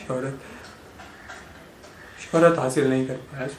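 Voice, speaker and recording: A man in a stage monologue, playing a dying man who laments that he never won fame, in a slow, halting way. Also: mid-range voice, flat delivery, a little mellow, close to an everyday voice. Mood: mournful. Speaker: actor in a monologue contest. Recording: echoey room, faint background noise.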